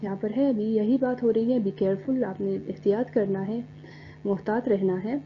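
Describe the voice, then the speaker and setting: Woman teacher spelling out words slowly. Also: mid-range voice, fairly even intonation. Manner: explains step by step, spells words letter by letter, reads English examples slowly. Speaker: English teacher. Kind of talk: recorded classroom lecture. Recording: dull lo-fi recording with faint hum.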